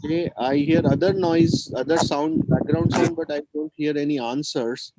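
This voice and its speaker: A man's voice: a little high, fairly even intonation, normal speed, noisy background. A man teaching children over a video call, encouraging them and repeating his praise and questions. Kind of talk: online children's class.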